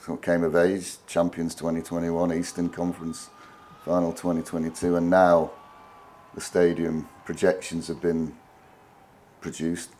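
Low voiced interviewer guy asking easygoing questions, bit of hiss. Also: monotone, measured pace, darkish tone. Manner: leading, conversational questioning.

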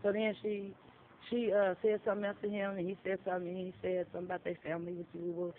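A shelter resident tells a story in casual conversation, blunt and full of profanity, acting out the lines she quotes. Her mid-range voice is fast with a completely flat delivery. It was captured on a phone outdoors, giving tinny audio with faint noise.

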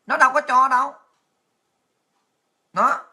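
Woman commentator, sharp bright tone, swearing, crude and heated delivery. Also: sits high, takes it slowly. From Vietnam. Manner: blunt, crude, fiery, swears a lot. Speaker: political commentator. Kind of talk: impassioned political rant to viewers.

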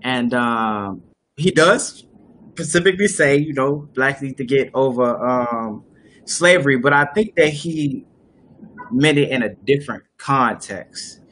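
A man's voice: mid-range voice, measured pace, fairly bright tone, slight background noise. A young man hosting a casual discussion on a live video call, explaining at length with many fillers and restarts. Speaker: host. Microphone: webcam on a video call.

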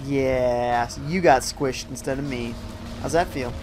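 A man's voice: medium pitch, a little slow, noisy background. A young man casually commentating a live game stream, reading viewer chat aloud and reacting to the gameplay. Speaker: gaming streamer.

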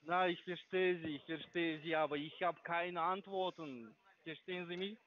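A man's voice: fairly high pitch, a bit bright, no room sound, dull audio. Stammering call center man. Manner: stammering, halting, repeats words.

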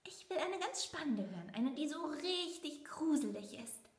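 A woman doing a squeaky little boy mouse. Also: normal speed, roomy sound. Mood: eager. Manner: high, pleading, excited child voice. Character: eager little boy mouse, restless, can't sleep. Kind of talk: children's storybook reading.

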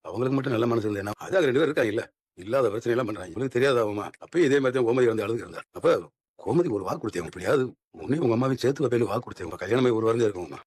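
A man's voice: medium pitch, darkish tone, husky, dry recording. An actor playing an earnest family man, heated and indignant, in a TV serial. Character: earnest family man upset over in-laws. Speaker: husband and family elder. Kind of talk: TV serial acting.

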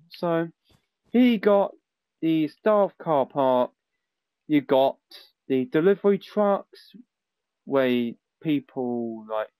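A man's voice: medium pitch, mellow, no room sound. A young man giving a rambling, casual gameplay commentary as he tours a building he made. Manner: rambling, informal, with frequent fillers. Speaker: gaming YouTuber.

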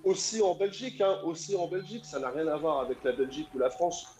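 His voice is a little high and darkish, expressive and quick. He's a caller in his thirties phoning a radio show over the internet for a casual chat, rambling with enthusiasm and many fillers; the recording has a roomy echo and faint background music.

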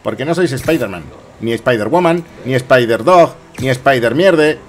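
A man's voice: medium pitch, expressive, unhurried, slight background noise. A man in his fifties with an accent from Spain, giving casual, jokey gameplay commentary and muttering to himself. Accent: Spanish from Spain. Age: 50s. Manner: jokey, muttering to himself, echoing the game's lines. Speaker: game streamer. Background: game music.

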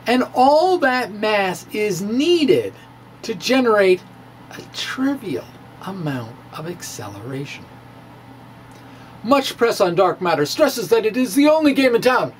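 Very animated, this middle-aged science vlogger turns his script into a dramatic reading, unhurried, with heavy stress, wide pitch swings, stretched-out words and asides. A stand mic sits close in front of him in a small bookshelf-lined room, and faint background noise is audible.

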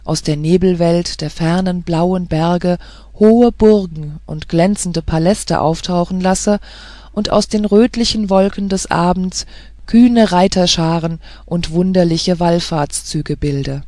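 An audiobook narrator reading a fairy tale in a measured, even storytelling manner. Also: medium pitch, dry recording, clean studio sound.

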